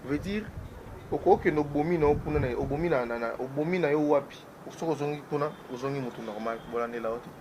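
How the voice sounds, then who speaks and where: A man giving political commentary as a guest on a talk show, talking in an animated way and switching between French and Lingala. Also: fairly high pitch, fast, background noise.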